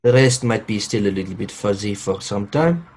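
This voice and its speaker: A man voicing a solemn male elf mage who speaks gravely and slowly while explaining a ritual. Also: fairly low pitch, animated, a little mellow.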